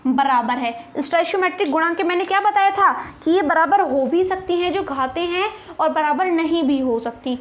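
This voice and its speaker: A young woman teaching a chemistry lesson, explaining step by step, asking rhetorical questions and reassuring her students. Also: high voice. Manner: addresses students as kids, reassuring.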